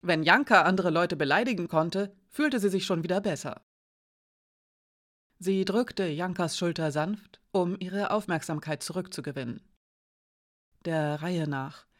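Low-voiced woman reading a story. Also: moderate pace. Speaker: audiobook reader. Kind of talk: scripted narration.

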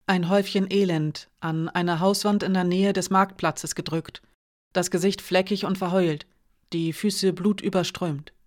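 Woman narrating a story, lowish voice, steady expressive reading. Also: measured pace. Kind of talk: audiobook narration.

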